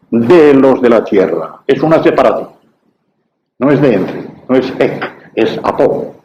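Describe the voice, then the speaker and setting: A man from giving an evening Bible study, explaining passages in a measured way with asides on Greek words. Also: fairly high pitch, darkish tone. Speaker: Bible teacher. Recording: dull lo-fi recording with faint hiss.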